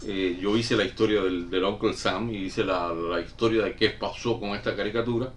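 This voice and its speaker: A middle-aged man from Cuba, the host of his own channel, rambles through viewers' questions in a relaxed, halting way, often restarting his sentences. His voice sits low. He sounds a step back from the microphone, with a faint hum of noise behind him. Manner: rambling, many filler pauses and restarts. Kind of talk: casual chat. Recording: somewhat distant mic with faint room noise.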